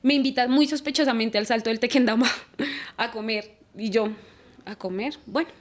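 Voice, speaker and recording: A young Colombian woman appears as a guest on a church podcast, sharing her testimony in a fairly high, fairly quick voice. She tells it animatedly, acting out the dialogue she remembers.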